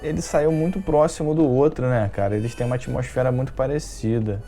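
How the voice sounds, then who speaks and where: A man's voice: mid-range voice, steady tone, quick pace, dark tone, faint music behind. A man with a Brazilian accent giving casual video game commentary and reading dialogue aloud. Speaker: gameplay streamer.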